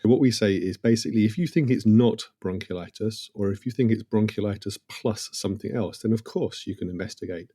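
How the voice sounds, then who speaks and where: Doctor guy, mellow low voice, calm explainer, bit of dry wit. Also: slightly rough. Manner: measured, explanatory, dry humour. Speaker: consultant paediatrician guest. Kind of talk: podcast interview.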